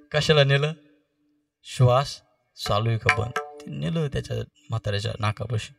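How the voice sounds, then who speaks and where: A man preaching a kirtan, telling a story and quizzing the audience with quick questions. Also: medium pitch, vocal fry, fairly bright tone, no echo. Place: kirtan gathering. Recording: distant mic with faint music.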